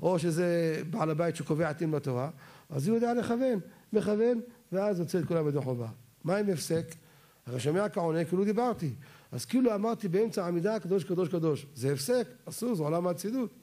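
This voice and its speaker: A man delivers a Torah lecture on religious law. His voice sits a little high for a man yet sounds mellow and warm. He keeps putting questions to his listeners and then answers them himself. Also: animated.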